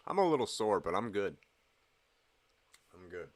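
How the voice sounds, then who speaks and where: Deep-voiced, laid-back young male streamer. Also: a little slow. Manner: relaxed, rambling, full of fillers. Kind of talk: casual late-night stream chat.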